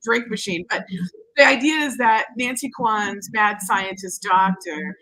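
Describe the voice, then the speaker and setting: A woman co-hosting a film podcast, talking casually with animated, conversational enthusiasm. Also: medium pitch, measured pace, low-quality recording. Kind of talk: casual chat about cult movies.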